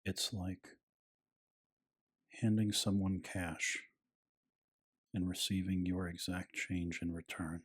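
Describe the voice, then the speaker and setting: A man narrating a scripted bedtime piece in a hushed, soothing, soft-spoken ASMR style with a breathy voice. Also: deep voice, little pitch movement, a little slow.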